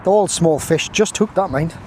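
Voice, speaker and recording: A chatty man talks to camera as he fishes on a breezy riverbank, his voice sitting a little high for a man. He rambles easily with jokey, self-mocking asides, and a faint hum of town and traffic sits behind him outdoors. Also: moderate pace, darkish tone. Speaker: angling vlogger. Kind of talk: casual chat to camera while fishing. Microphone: camera on a stand, at times stepping away.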